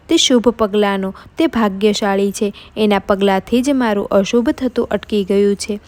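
A woman narrating a devotional vow story at a steady, even pace. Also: medium pitch.

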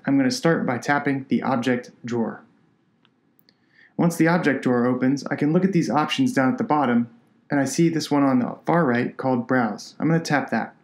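A man with a nasal voice, a product designer, talking through a software tutorial step by step in a relaxed, conversational way. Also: medium pitch.

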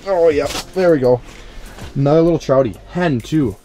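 A young man chatting casually and excitably to the camera as a fishing vlogger inside a tent. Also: fairly high pitch, moderate pace. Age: young adult. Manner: excitable, slangy. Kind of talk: casual vlog chat. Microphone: camera a short distance away. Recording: faint noise on camera audio.

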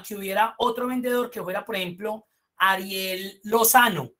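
A woman's voice: mid-range voice, fairly bright tone. A woman teaching a spreadsheet course online, explaining step by step and praising her students.

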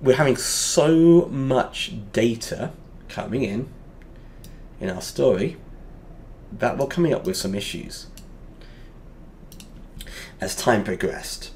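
A man teaching a lesson over a whiteboard drawing, explaining step by step and pausing often with fillers. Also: medium pitch, expressive, a little mellow, a little hiss or hum.

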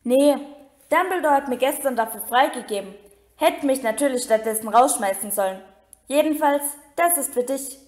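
A woman's voice: high voice, expressive, moderate pace, darkish tone. A woman reading aloud as a big tearful groundskeeper, blunt and colloquial, her voice slightly raised. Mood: gruff. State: crying. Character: sobbing remorseful giant male groundskeeper.

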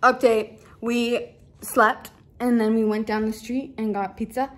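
A young woman chatting casually in a travel vlog, quick and a bit complaining. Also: fairly high pitch, fairly even intonation, slight background noise. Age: young adult. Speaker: vlogger.

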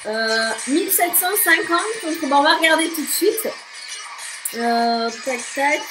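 A French woman hosts a playful home vlog in a high, very animated voice, prone to stifled giggles. Her delivery is unhurried, and she is recorded in an echoey room with music behind her. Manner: giggly, often breaking into stifled laughter. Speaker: vlog host, mother. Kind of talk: playful casual chat to viewers. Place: small room at home, indoors. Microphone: camera a short distance away.

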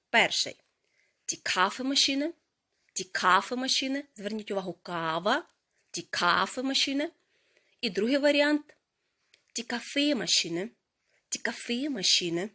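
A woman gives a language lesson at a medium pitch. She explains grammar in careful steps. Each foreign word is repeated slowly and distinctly so listeners can follow. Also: bright, forceful tone. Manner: slow, careful pronunciation of foreign words. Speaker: language teacher. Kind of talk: teaching a lesson.

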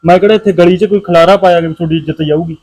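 An actor playing a surly young husband who drinks, speaking with a Punjabi accent and curt defiance. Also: male voice, high voice, fairly even intonation, very fast, darkish tone, low-quality recording. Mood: defiant. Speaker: husband and son. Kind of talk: short film drama acting.

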